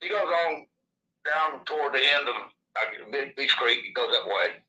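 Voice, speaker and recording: Lisping man with a sharp, bright voice. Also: mid-range voice, moderate pace, dull audio. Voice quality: lisp from missing upper teeth, slurred consonants. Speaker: interviewee recounting his own experience. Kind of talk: casual rambling storytelling.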